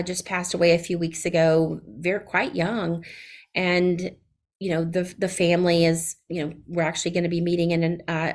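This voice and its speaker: Middle-aged Southern woman, lowish voice, halting and filler-heavy, podcast guest. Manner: hesitant, many fillers and restarts. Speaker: guest, CPA. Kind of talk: podcast interview.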